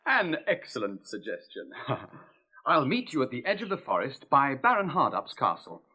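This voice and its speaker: A man's voice: medium pitch, wildly swooping pitch, moderate pace, sharp tone, slightly rough, muffled recording, exaggerated voice. A young man playing a manservant in a storybook recording, dry and mock-pompous. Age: young adult. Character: young manservant who mimics his master.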